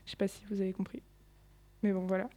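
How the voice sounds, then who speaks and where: A woman's voice: medium pitch, little pitch movement, fast, warm tone. A teenage girl co-hosting a student show, reading and analysing her own poem with many hesitant fillers. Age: teens. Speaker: student co-host.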